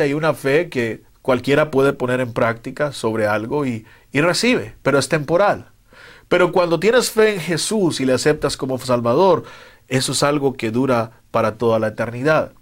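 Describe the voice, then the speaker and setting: A man preaching a sermon in a fervent, emphatic way, with some hesitant fillers between his points. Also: mid-range voice. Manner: fervent, rising to loud emphatic retellings.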